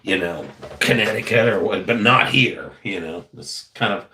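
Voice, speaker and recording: A man speaks in a fairly low yet bright voice, with a mixed American accent that has a faint Southern country flavor. He rambles and banters easily as a live-stream co-host. The room adds a clear echo. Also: moderate pace. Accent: mixed American with a light Southern country tinge. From United States, lived in several regions. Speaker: live stream co-host reading viewer comments. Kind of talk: casual live chat. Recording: roomy, echoey live stream.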